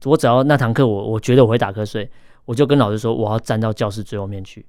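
Man, 30s, Taiwanese Mandarin accent, guest, casual storytelling, rapid talk, repeats words. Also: fairly low pitch, clean tone, no room sound, clean studio sound. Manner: chatty, stammers and repeats words when excited.

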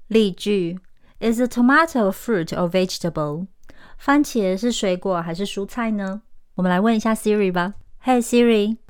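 A woman teaching an English lesson in a podcast, explaining clearly and sounding out careful English examples on a close mic. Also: mid-range voice.

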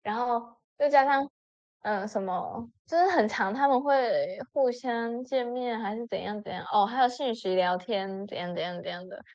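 A woman telling a story in a casual chat with lots of expression, jumping up in pitch when she voices her friends. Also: moderate pace. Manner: animated, acts out friends' lines with sudden pitch jumps. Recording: dull lo-fi audio.

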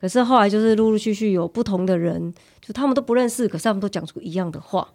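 A woman's voice: medium pitch, fast, a little mellow. A woman in her thirties with a Taiwanese Mandarin accent, casually telling personal stories as a podcast guest.

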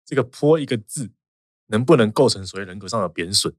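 A man with a Taiwanese Mandarin accent, a lawyer explaining legal cases in casual podcast chat, animated and quick with examples. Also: on the low side, dry recording, studio quality.

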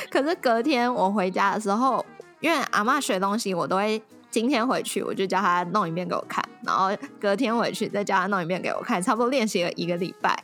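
A young woman with a Taiwanese Mandarin accent, co-hosting a podcast, telling a story in a lively way and often laughing. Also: mid-range voice. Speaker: podcast co-host. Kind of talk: casual chat.

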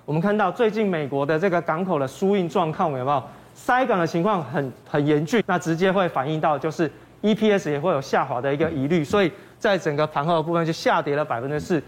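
High-pitched, fast-talking Taiwanese male market analyst. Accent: Taiwanese Mandarin. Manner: explains step by step, posing and answering questions. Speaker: financial analyst guest. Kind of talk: explanatory market commentary.

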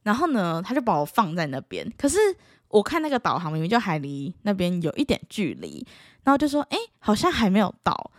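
A young woman with a Taiwanese Mandarin accent talks straight to camera in a casual, exasperated vlog style. Her pitch jumps around a lot as she acts out the back-and-forth of her stories. The recording is dry and close, with no room sound. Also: brisk, dry recording. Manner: exasperated, animated, acts out quoted dialogue. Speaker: vlogger.

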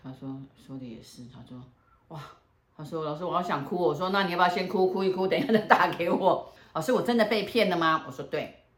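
A woman fortune teller telling a story in casual chat, acting out both sides of the dialogue in a lively way. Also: fairly low pitch, fast. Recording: roomy echo.

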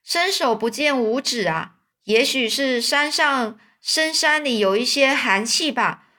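Woman doing a kind chatty old man, bright voice, storybook. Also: high-pitched, lively intonation, unhurried, full character voice. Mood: storytelling. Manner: kindly, talkative. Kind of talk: storybook reading.

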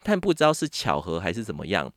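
A man with a Taiwanese Mandarin accent tells a story as a podcast guest. His voice sits low but leaps high when he acts out what others said. The sound is dry and close, with no room echo. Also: quick pace. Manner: animated, acts out other people's lines with sudden pitch jumps. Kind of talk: casual storytelling chat.

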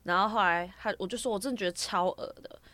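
A woman's voice: mid-range voice, quick pace, sharp tone, dry recording. A young woman, telling a long story on a casual podcast, rambling from clause to clause with fillers. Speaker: podcast co-host.

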